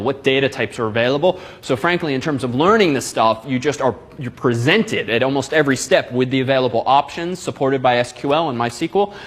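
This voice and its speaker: A man lecturing a university class, animated with self-deprecating asides. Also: medium pitch.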